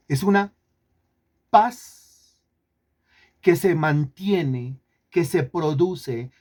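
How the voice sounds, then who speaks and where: A man preaching at a middle pitch, teaching through repetition and steady rhetorical questions. He stretches important words out slowly for weight and slips in dry, sarcastic asides to the listeners. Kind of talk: sermon teaching.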